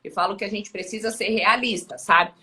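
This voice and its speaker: A woman guest in a relaxed interview, speaking with a bright, forward tone. She rambles in a friendly way and keeps checking in with her listener. Her pitch sits in an ordinary middle range. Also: fairly quick. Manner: chatty, tags sentences with "tá?" and "né?". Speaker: audiologist guest. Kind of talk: casual interview talk.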